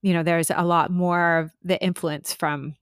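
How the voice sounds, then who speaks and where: A woman's voice: fairly low pitch, little pitch movement, moderate pace, smooth, dry recording, studio quality. Middle-aged Canadian woman co-hosting a podcast. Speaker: podcast co-host. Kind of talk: casual conversation.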